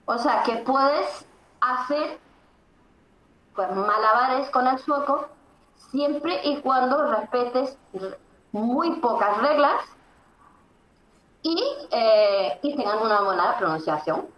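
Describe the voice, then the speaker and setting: A woman as an interview guest, explaining emphatically and often pausing on fillers. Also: on the high side, lively intonation, a bit bright. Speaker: interview guest, Swedish teacher. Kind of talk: conversational explanation. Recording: echoey room, faint background noise.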